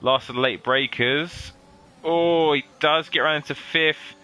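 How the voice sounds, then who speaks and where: Bright-voiced male race commentator, lively. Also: on the high side, measured pace, clean tone. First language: English. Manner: lively, playful banter, excited at overtakes. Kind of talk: sim racing commentary.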